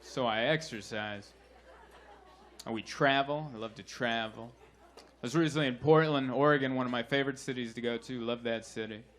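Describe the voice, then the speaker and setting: A man doing a stand-up set with deadpan, self-mocking storytelling in a crowded basement comedy room, with audience laughter behind him. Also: mid-range voice, moderate pace. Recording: live club recording with crowd noise.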